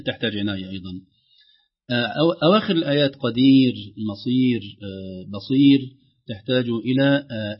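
Husky Quran teacher, patient and slow-spoken. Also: male voice, medium pitch, lo-fi sound. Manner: patient, explains slowly, models recitation with drawn-out words. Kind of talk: live radio tajweed lesson.

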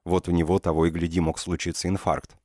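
A male narrator reads an audiobook in a very low voice. His delivery is measured, with a dry ironic edge. The recording is close and dry with no room sound. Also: flat delivery, mellow, dry recording. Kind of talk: scripted narration.

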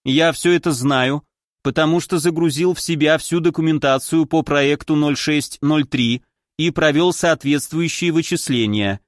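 A man's voice: on the high side, no echo, clean studio sound, lightly acted. A man doing a cold, emotionless robot. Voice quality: measured, emotionless. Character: cold logical male robot.

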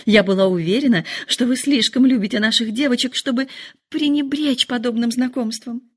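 A woman voicing a nervous, excitable middle-aged mother who complains in shrill, dramatic outbursts. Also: moderate pace. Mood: fretful.

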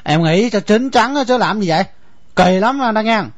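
A man's voice: high voice, animated, dry recording. Man doing a stammering young village husband. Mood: pleading. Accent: Southern Vietnamese. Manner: stammering, halting. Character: young village husband, stubborn but pleading. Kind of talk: radio drama acting. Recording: dull dry lo-fi recording, faint music.

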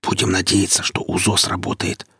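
A hardened, experienced stalker, played by a male narrator hisses terse orders under his breath. The voice is low, husky and gravelly. This is an audiobook scene. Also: little pitch movement, moderate pace, dry recording, clean studio sound, heavily acted. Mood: tense hushed. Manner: terse, hushed commands.

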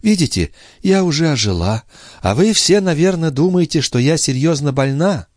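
A man reading an audiobook voices a fragile, nervous young woman who talks in breathless, high exclamations. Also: lively intonation, moderate pace, darkish tone, no echo, studio quality. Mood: agitated, fluttery.

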